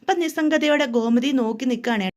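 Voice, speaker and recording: A woman's voice: high-pitched, quick pace, a little mellow. A woman casually retelling a family drama serial, chatty, acting out the characters' lines with feeling. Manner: chatty, tags lines with a casual "you know". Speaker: storyteller recapping a serial. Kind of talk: casual spoken story recap.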